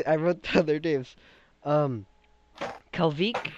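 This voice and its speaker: A man's voice: fairly high pitch, takes it slowly, vocal fry. A man running a tabletop game online, stumbling over names and swearing at himself. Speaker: game master. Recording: dull lo-fi voice chat.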